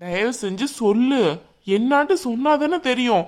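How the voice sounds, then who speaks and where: A woman's voice: a little high, lively intonation, moderate pace, darkish tone. A woman acting in a family drama, speaking in a coaxing, questioning way. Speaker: concerned mother-in-law figure in a family drama. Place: indoors at home.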